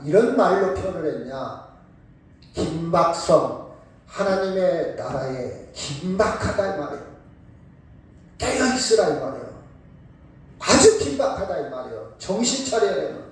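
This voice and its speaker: A man preaching a sermon as a pastor, emphatic, moving between calm explanation and sudden shouts, and asking the congregation questions. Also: high voice. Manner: asks the congregation questions and calls on members by title. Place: church sanctuary. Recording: very echoey church from a distant mic.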